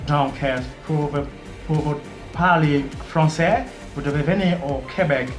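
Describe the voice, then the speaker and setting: A man's voice: fairly high pitch, takes it slowly, echoey room, faint music behind. A man doing a boastful man. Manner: hesitant, boastful. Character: proud young Québécois man.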